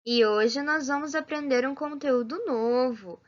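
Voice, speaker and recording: Woman, teacher, high voice, unhurried delivery, dull recording. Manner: slow, clearly spelled-out teaching voice. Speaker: primary school teacher. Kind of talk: children's lesson. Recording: dull lo-fi sound.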